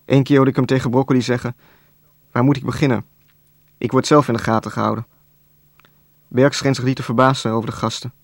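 A man reading a novel aloud as narrator, in a calm, even storytelling voice with a dry wit. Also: medium pitch, fairly quick, creaky, long pauses, no echo. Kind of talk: scripted audiobook narration.

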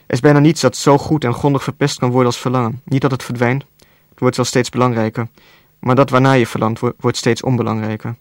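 A man calmly reading a novel aloud as narrator. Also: medium pitch, no echo, clean studio sound. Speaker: audiobook narrator. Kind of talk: scripted narration.

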